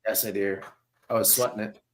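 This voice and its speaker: A man co-hosting a podcast, laid-back and quick to laugh with his friends. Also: lowish voice, steady tone, a little hiss or hum. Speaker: podcast co-host. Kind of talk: casual banter.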